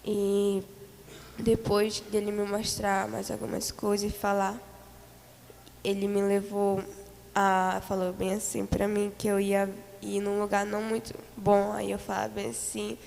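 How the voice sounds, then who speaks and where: A woman's voice: mid-range voice, flat delivery, a little slow, creaky, darkish tone, big-room sound, a little hiss or hum. A Brazilian woman giving an earnest church testimony, telling her story with many fillers and repetitions. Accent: Brazilian Portuguese. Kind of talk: spoken testimony of a vision. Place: church hall.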